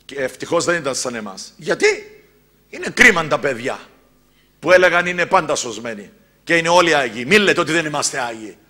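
A male pastor with a Cypriot Greek accent preaching a sermon, swinging between loud exclaimed lines and quiet asides. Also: fairly high pitch, lively intonation, a little hiss or hum.

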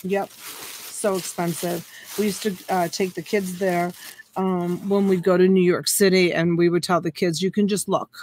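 Poor audio from a computer webcam captures a woman in her forties running a home live-stream auction amid plush toys and a dress form. Her lowish, slightly mellow voice has little pitch movement and a moderate pace, folksy and chatty as she draws out requests for bids.

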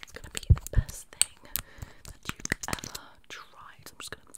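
A young woman in a whispered role-play, speaking close to the mic in a fast, aggressive, chaotic ASMR manner with repeated words. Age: young adult. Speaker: ASMR makeup artist role-play host. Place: small indoor bedroom. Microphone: close fluffy-covered microphone.

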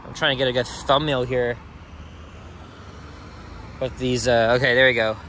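Rambling casually through a walking vlog, a young adult man holds a camera as he moves along a city sidewalk. He speaks at normal speed in a mid-range voice with little pitch movement and a bright, forceful tone, against cars and street noise.

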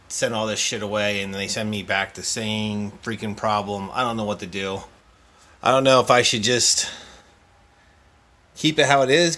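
A man in his forties hosts a casual unboxing vlog from his cluttered indoor collectibles room, speaking bluntly and swearing freely into a desk-mounted camera. His voice is fairly low yet pushed and bright, with roomy echo and faint background noise in the recording.

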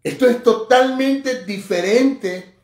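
A man preaching a sermon, emphatic and mocking, dropping to low asides and rising to high exclamations. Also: slow, a little mellow, roomy sound. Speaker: pastor. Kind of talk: sermon teaching.

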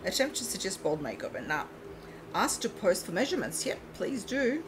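Her voice is medium in pitch and sing-song, at a normal speed, against a noisy background. She's a let's play host with an Eastern European first language and a mixed, mostly Australian accent, casually chatting as she plays a mobile game and reads its prompts.

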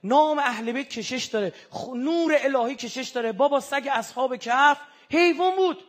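A man giving an impassioned religious sermon, moving from hushed, mournful passages to loud, fervent outbursts. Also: very high-pitched. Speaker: religious speaker.

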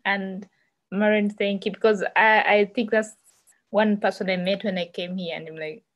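A woman's voice: medium pitch, steady tone, normal speed, fairly bright tone, dull audio. A woman from Uganda, a graduate student and guest speaker, answering questions casually on a video call, often laughing and repeating words.

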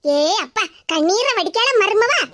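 A woman's voice: very high voice, expressive, moderate pace, heavy background noise. A woman voicing a sweet, fussing older mother-in-law in a cartoon, speaking with a Tirunelveli Tamil accent. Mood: doting. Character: affectionate older mother-in-law, doting and cheerful. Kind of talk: cartoon voice acting.

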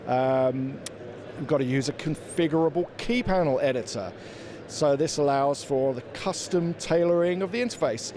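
Speaking into an interviewer's handheld microphone at an indoor exhibition booth, a man in his forties presents his company's products, somewhat haltingly and with repeated words. His voice is fairly high and a little mellow, set against busy trade-show crowd noise.

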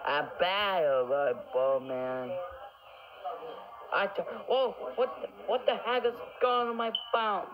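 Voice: mid-range voice, takes it slowly, highs cut off, a crowd in the background. A person rambling casually and swearing a lot. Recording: noisy background.

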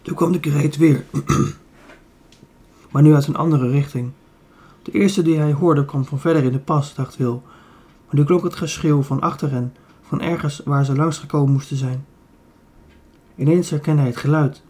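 A man's voice: a little high, steady tone, moderate pace, warm tone, slightly rough. A man with a Dutch accent reading a children's book aloud, with small slips he corrects as he goes. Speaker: audiobook reader.

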